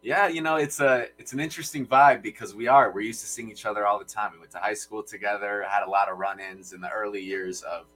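A man's voice: fairly low pitch, steady tone, fast, hardly any pauses, a bit bright, slight background noise, rough recording. A young man from Michigan co-hosting a casual sports podcast, with an upbeat, hype-man delivery. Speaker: podcast co-host.

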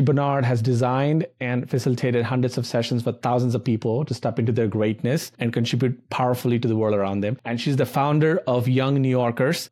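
Over a video call, a podcast host with a warm, mid-range voice talks effusively and earnestly, sprinkling in lots of casual fillers.

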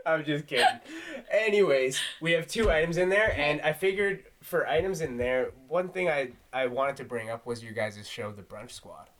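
A man's voice: fairly high pitch, big pitch swings, moderate pace, a bit bright. Laid-back young man hosting. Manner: laid-back, laughs often. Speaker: show host. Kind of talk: casual chat.

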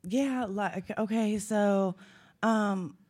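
A woman's voice: medium pitch, extremely slow, darkish tone. A woman hosting a casual talk show, introducing a guest in a bubbly, filler-filled way. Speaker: host. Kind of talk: casual chat.

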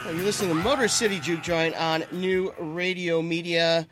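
Slightly high-voiced male radio host. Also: steady tone, normal speed, over music. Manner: rambling, many restarts and fillers. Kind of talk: casual radio interview chat. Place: radio studio.

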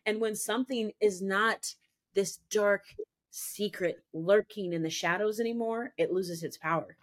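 Her testimony comes out unhurried, in a medium-pitched voice, as she sits as a guest on a faith podcast. The woman speaks earnestly and with emphasis, circling around as she goes and repeatedly saying "I'm telling you."

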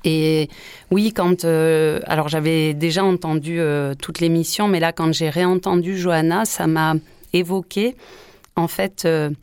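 A woman's voice: low voice, fairly even intonation, unhurried, a little mellow, smooth, dry recording. A woman guest in a radio studio, speaking earnestly and telling stories about her community work. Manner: earnest, storytelling. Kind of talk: live radio discussion.

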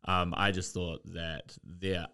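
A man's voice: deep voice, flat delivery, slow pace, pushed and bright, clean tone. A man chatting loosely as a podcast co-host, rambling with lots of fillers and swearing. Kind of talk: casual chat.

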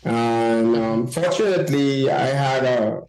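A man from Haiti speaks as an interview guest, working through his answers slowly with frequent fillers and restarts. His voice sits at an ordinary pitch, and the recording carries a roomy echo. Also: darkish tone, faint music behind. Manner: halting, many fillers and restarts. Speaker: guest journalist. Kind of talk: interview conversation.

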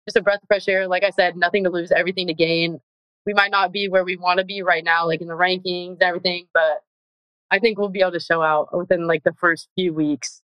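A young woman, a college softball player, talking earnestly in a casual interview and leaning on "like" a lot. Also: fairly low pitch, smooth, no room sound, low-quality recording. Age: young adult. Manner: earnest, heavy use of "like", gets emotional.

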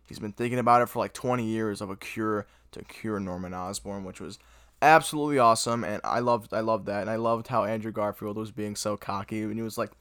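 A young man with a fairly low voice gushes through a casual podcast movie review. He talks excitably and packs his speech with filler words. The sound is dry and close, with no room echo. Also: a little fast. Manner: excitable, gushing, heavy use of filler words. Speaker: podcast host.

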